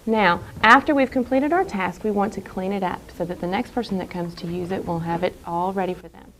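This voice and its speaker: A woman's voice: mid-range voice, fairly bright tone. Carefully enunciating woman teacher, some background noise. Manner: deliberate, carefully enunciated, instructive with repeated key phrases. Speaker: elementary school teacher. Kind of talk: classroom instruction to young children. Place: classroom with young children. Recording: clear background noise in a classroom.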